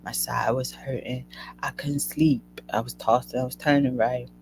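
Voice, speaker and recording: A woman's voice: extremely low pitch, steady tone, moderate pace, vocal fry, music in the background, rough recording. A woman hosting a show who tells a personal story in a casual, chatty way and keeps addressing her listeners as "y'all.". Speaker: host.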